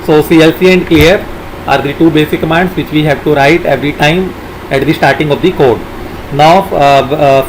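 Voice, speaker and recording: A man narrating a software tutorial as an instructor, haltingly dictating code and formulas piece by piece. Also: on the high side, background noise.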